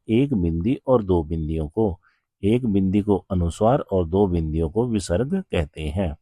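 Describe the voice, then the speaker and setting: A deep, low-pitched man talks slowly through a grammar lesson. He stops to ask the class questions and then answers them, patient and methodical. His voice is dark and mellow, recorded dry with no room sound. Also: no room sound. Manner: slow, patient explaining with frequent rhetorical questions. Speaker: Sanskrit teacher.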